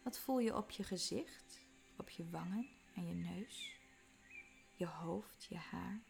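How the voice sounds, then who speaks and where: Slow, calm woman guiding a meditation. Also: on the low side, gravelly. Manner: slow, calm, soothing instructions with soft whispered moments. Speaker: meditation guide. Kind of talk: guided walking meditation. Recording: faint music behind.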